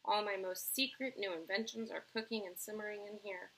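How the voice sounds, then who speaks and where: Excitable candy-maker guy, big exclamations, gravelly and bright, a lady doing the voice. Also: medium pitch, fairly quick, rough recording. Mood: excited. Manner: eager, emphatic, exclamatory. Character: excitable eccentric male candy-maker, grown man.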